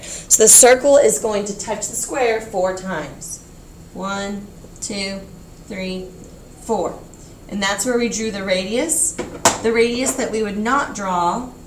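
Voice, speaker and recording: A woman's voice: mid-range voice, a little hiss or hum. A woman teaching a geometry class, explaining patiently, repeating key points and checking in with her students. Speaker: math teacher.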